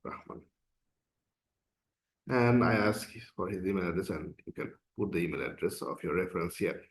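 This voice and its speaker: In this screen-recorded walkthrough, a Bangla-speaking instructor from Bangladesh explains an application form step by step in English, his non-native language. His voice sits low and is expressive, moving at a moderate pace, and he keeps it casual with frequent "uh" and "okay." A little hiss or hum can be heard.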